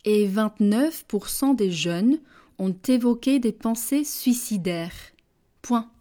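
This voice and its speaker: Woman, dictation reader, very slow and measured, warm mellow tone, repeats each phrase. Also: animated. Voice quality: measured, deliberate, dropping low on punctuation words. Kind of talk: slow French dictation, each phrase read twice with punctuation spoken.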